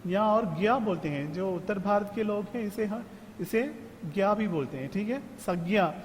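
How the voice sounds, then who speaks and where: A male teacher from giving an online class, slowly drilling syllables one at a time and checking in with his students. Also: high voice. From South India. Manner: slow, drilling syllables one by one with frequent "theek hai?". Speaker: Hindi teacher. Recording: reverberant room with faint ambient noise.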